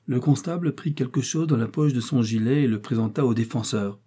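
A man reading a classic mystery novel aloud as an audiobook narrator, in a measured, even storytelling manner. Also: medium pitch, slightly rough. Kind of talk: scripted narration.

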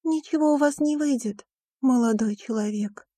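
A woman's voice: high voice, normal speed, dark tone, no room sound, clean studio sound, pitched above the performer's own voice. A woman voicing a firm middle-aged female school director in an audiobook, speaking in a raised, stern tone.

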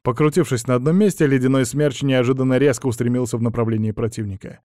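A man narrating a first-person fantasy audiobook in a steady, even storytelling manner. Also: mid-range voice, quick pace, dry recording, studio quality.

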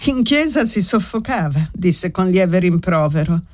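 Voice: mid-range voice, normal speed, darkish tone, natural voice. A reader voicing zio Cosimo, a bitter, reproachful old grandfather, in an audiobook reading.

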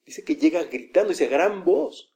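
Male preacher, mellow tone, conversational sermon delivery. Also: on the high side, animated, normal speed. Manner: conversational, acts out quoted voices.

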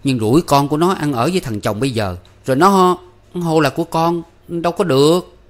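A sheepish yet hot-tempered young son, as a male narrator does him, pitched up and loud. He pleads and protests in a storybook reading. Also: a little fast, natural voice. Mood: defensive. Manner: pleading, defensive.

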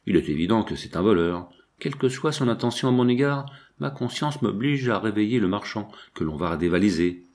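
A man's voice: lowish voice, lively intonation, brisk, hardly any pauses, a little mellow. A man reading an audiobook voices an honest abbé, an indignant male prisoner who speaks earnestly in a raised voice. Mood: resolute.

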